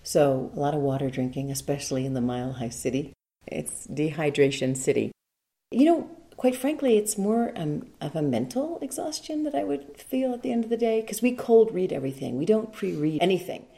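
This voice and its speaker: A woman with a very low, gravelly voice and a mellow, dark tone. She is middle-aged and speaks unhurriedly with dry humor, like a seasoned audiobook narrator being interviewed. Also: animated, brisk. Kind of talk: relaxed interview conversation.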